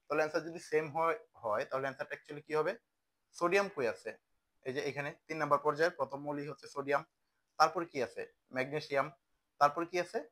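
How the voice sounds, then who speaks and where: Young guy tutor, kinda high voice, chatty lesson, keeps asking and answering his own questions. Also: fairly even intonation, rapid-fire, a bit bright. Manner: conversational, asks questions and answers them himself. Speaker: chemistry tutor. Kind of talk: casual online lesson.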